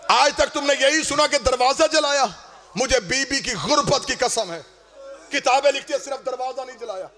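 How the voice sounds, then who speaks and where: A man with a Punjabi-influenced Urdu accent preaching a mourning sermon in a mosque hall, chanting and rising into sung, shouted lament. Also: very high voice. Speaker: Shia preacher. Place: mosque hall before a congregation.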